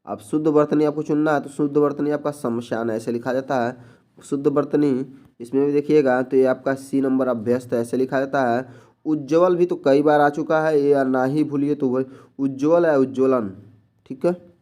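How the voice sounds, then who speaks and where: A man's voice: mid-range voice, steady tone, normal speed, warm tone. A man teaching an exam-prep spelling lesson, going through each answer plainly and often repeating words.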